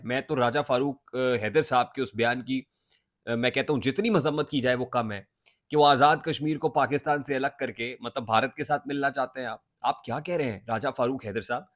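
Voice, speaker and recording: A man from Pakistan comments on political news for his vlog. He speaks at a middle pitch and presses hard on key points. Short filler pauses break up his sentences. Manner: emphatic, with hesitant filler pauses.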